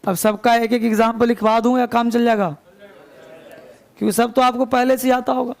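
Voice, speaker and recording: High, gravelly male teacher dictating slowly. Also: flat delivery, darkish tone. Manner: slow spelling out words letter by letter. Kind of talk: classroom dictation lesson. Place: classroom.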